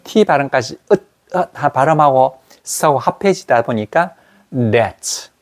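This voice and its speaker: Gravelly man teaching English pronunciation. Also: mid-range voice, expressive. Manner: repeats English words slowly to model pronunciation. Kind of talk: classroom grammar lecture.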